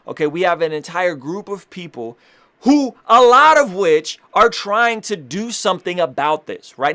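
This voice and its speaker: A young man speaks straight to his viewers in heated, earnest commentary. His voice sits a bit high, and he keeps restarting phrases as he pushes his point. He drops casual slang as he goes. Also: a bit bright. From Armenian family. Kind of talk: direct-to-camera commentary.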